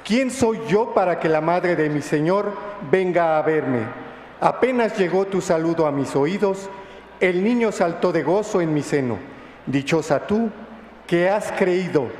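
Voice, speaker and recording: A man, a priest, giving a solemn, measured liturgical reading of scripture in a large church with cathedral echo. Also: fairly high pitch, a little mellow. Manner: solemn, formal, measured proclamation. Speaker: priest reading the Gospel at Mass. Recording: cathedral echo, long reverb, faint noise.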